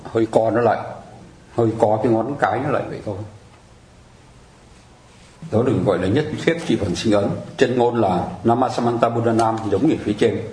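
Low, mellow-voiced male teacher. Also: reverberant, slight background noise, rough recording. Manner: patient, explanatory, keeps asking listeners to agree. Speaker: Buddhist teacher. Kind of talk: conversational teaching on mudras and mantras.

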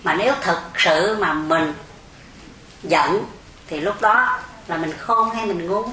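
A woman's voice: on the low side, slow, sharp tone. A woman gives a Zen dharma talk, explaining patiently and asking the audience rhetorical questions. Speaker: Buddhist Zen teacher. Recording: echoey room, faint background hum.

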